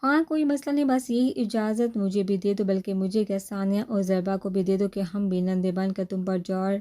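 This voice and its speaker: A woman's voice: mid-range voice, fairly even intonation, dark tone, lightly acted. A woman voicing a playful, mock-dramatic older sister-in-law in a storybook reading. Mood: teasing.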